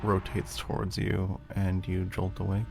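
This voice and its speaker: A man's voice: deep voice, monotone, measured pace, vocal fry. A man acting as game master, improvising narration for a tabletop game. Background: background music.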